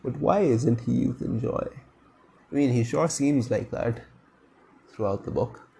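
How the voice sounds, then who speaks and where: A man's voice: medium pitch, unhurried, vocal fry, dark tone, husky. A man reading a novel aloud and stopping to muse on it enthusiastically. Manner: enthusiastic, muses aloud between passages. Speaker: reader discussing a novel.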